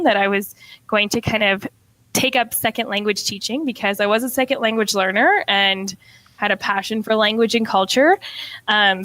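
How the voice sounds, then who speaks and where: This is casual interview talk from a podcast guest, a twenty-something middle school teacher who laughs easily and keeps saying "like" and "um." Her voice is medium-pitched with a sharp tone, recorded at low quality without any room sound.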